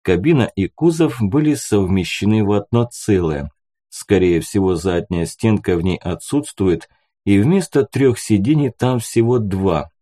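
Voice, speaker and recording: A man's voice: fairly low pitch, lively intonation, measured pace, dark tone. A man reading an audiobook aloud, narrating and voicing the characters' dialogue by raising his voice. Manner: lifts his voice for other characters' lines.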